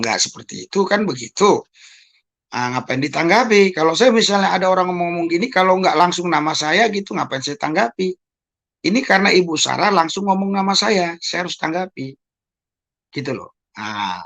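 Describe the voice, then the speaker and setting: A man's voice: on the high side, vocal fry, fairly bright tone. A man hosting his own channel, answering accusations in a monologue to his viewers, repeating pointed rhetorical questions. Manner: addresses listeners as "Saudara". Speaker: YouTube channel host.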